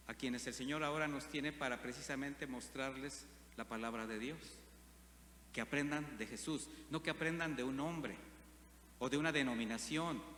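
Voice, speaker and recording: A man preaches a sermon, often putting questions to the congregation. His voice is bright and forceful. It rings through a roomy church hall with a long echo and a faint hum behind it. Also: mid-range voice. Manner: asks the congregation frequent rhetorical questions. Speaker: pastor.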